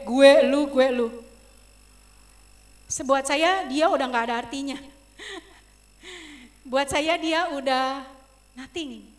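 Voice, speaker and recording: A middle-aged woman preaching a personal testimony in a church service, swinging from loud emotional outbursts to soft asides as she addresses the congregation. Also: sits high. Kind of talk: sermon testimony.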